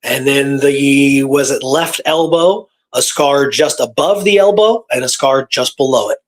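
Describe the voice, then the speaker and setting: Co-hosting a casual history talk show, a man speaks emphatically and unhurriedly in a mid-range voice, repeating points for stress. There's no echo.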